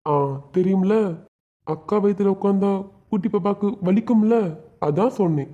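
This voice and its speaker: A man's voice: high-pitched, moderate pace, dark tone. Man voicing a stern young cartoon husband. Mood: soothing. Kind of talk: cartoon web series voice acting. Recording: dull lo-fi sound.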